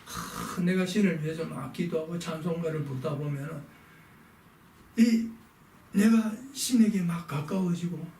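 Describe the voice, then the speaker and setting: A man giving a lesson, reading passages aloud and then unpacking them with rhetorical questions. His voice sits a little high but sounds dark and mellow. He is recorded from some distance in a roomy, echoing space with a faint hum behind him. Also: a little slow. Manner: rhetorical questions, frequent "자" to move on. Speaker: lecturer on philosophy. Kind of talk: reading aloud and explaining a text. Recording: echoey room, mic at a distance.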